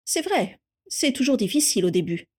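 A woman's voice: fairly high pitch, very animated, moderate pace, a little mellow, slightly rough, voice pushed up. A woman voicing a stern, haughty aunt who lectures a young woman about duty. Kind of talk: audiobook character reading.

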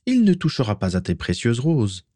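A man reading aloud and voicing a calm, wry, guarded middle-aged witch, raising his voice to sound like a woman, in a storybook reading. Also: mid-range voice, normal speed, no echo, voice pushed up. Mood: dry, guarded. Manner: dry, guarded.

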